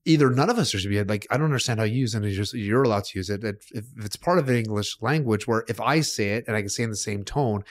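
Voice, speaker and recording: A man's voice: lowish voice, quick pace, hardly any pauses. A middle-aged man hosting a podcast, speaking in an opinionated, casual way with many restarts. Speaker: podcast host.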